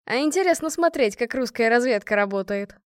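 A woman's voice: a little high, lively intonation, moderate pace, dry recording, studio quality, close to an everyday voice. A woman voicing a proud, courteous Irish freedom fighter who speaks in a formal, gallant way. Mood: amused.

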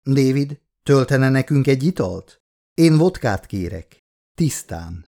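A man's voice: medium pitch, big pitch swings, mellow. A man reading the lines of a haughty, wealthy woman who runs an expedition, in a cool, superior, clipped manner. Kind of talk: audiobook character reading.

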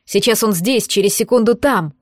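A woman's voice: mid-range voice, normal speed, no room sound, natural voice. A woman reading the lines of an anxious male dragon in an audiobook, voiced tense and alarmed, close to her own voice.

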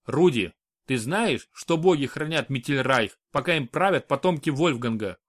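A man's voice: mid-range voice, expressive, normal speed, no room sound, clean studio sound, lightly acted. Field: a man voicing a grave, cold brother. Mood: somber. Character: male brother turned wolf, grave and cold. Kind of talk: audiobook character voice.

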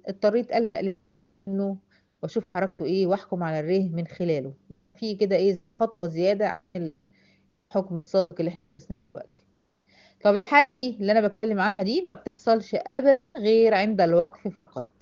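A woman with an Egyptian accent teaches tajweed at a brisk pace. She explains each rule patiently and keeps checking whether her students follow. The recording sounds dull and lo-fi. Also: medium pitch, a little mellow. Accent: Egyptian Arabic. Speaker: Quran recitation teacher. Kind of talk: online tajweed lesson.

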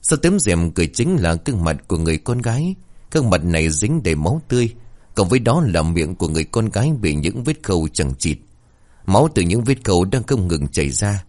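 Deep-voiced man narrating a horror tale. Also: big pitch swings, a little fast, darkish tone. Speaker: storyteller. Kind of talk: scripted horror story narration.

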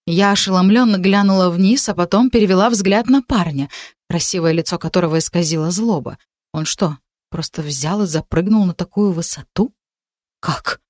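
A woman narrating a first-person audiobook with expressive storytelling. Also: on the low side, moderate pace, no echo.

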